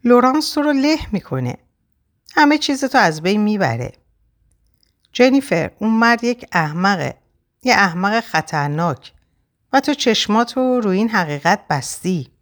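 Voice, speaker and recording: A woman's voice: mid-range voice, very animated, voice pushed up, close to an everyday voice. A woman reading the part of an earnest young man in love, speaking insistently and persuasively. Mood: intense.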